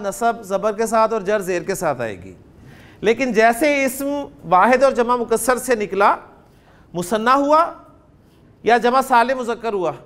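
A man's voice: very high-pitched, fairly bright tone. A man with a Pakistani accent teaching Arabic grammar in a classroom lecture, quizzing his students and dictating phrase by phrase.

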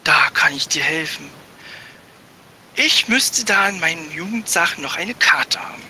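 A man's voice: a little high, expressive, a little slow, bright, forceful tone, a little hiss or hum, full character voice. A man reading a cool, stern matron. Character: cool commanding mother, orphanage matron.

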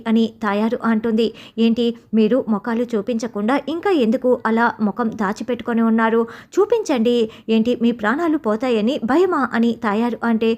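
A woman's voice: a little high, darkish tone. A woman retelling the scenes of a TV serial episode, reading out every character's lines in her own voice. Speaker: recap narrator.

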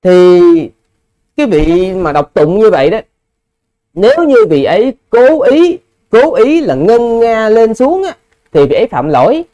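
Male monk teacher, high clear voice, patient Q&A explanations to a lay audience. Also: very animated, moderate pace, warm tone, highs cut off. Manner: patient, explanatory, addresses listeners politely. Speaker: Buddhist monk. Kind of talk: Dharma Q&A teaching.

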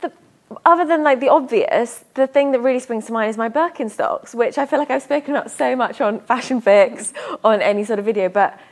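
A woman's voice: fairly high pitch, fairly quick. A young woman, chatting loosely about clothes with many fillers. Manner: relaxed, fills with "like" and "um". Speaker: co-presenter. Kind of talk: casual studio chat. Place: small studio sofa.

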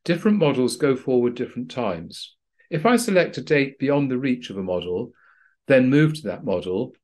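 A man narrates a screen-recorded walkthrough as a pilot instructor. His delivery is practical and dryly understated, and his pitch rises and falls in a lively way as he points things out. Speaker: flight training instructor.

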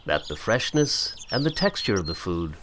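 A man from Canada narrating a scripted promotional voice-over in a calm, measured, unhurried way. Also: fairly low pitch, a little hiss or hum.

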